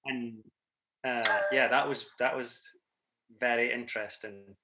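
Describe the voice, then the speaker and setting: A man's voice: mid-range voice, fairly even intonation, measured pace, noisy background. A man with a Scottish accent, a theatre performer chatting casually as an interview guest. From Scotland. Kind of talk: casual group interview chat.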